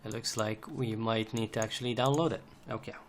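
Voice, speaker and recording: In a brisk, steady, lowish voice, a man narrates an unscripted screencast tutorial on programming. He lays things out methodically, one step at a time, while typing, with keyboard clatter and clicks making the audio noisy.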